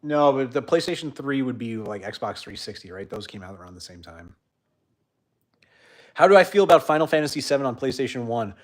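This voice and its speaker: A young man hosts a laid-back stream, answering questions in a middle-pitched voice. He rambles with constant fillers, and his sentences sink soft and quiet at the end. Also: lively intonation, a little fast. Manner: trails off quietly at sentence ends. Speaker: host. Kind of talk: casual livestream chat.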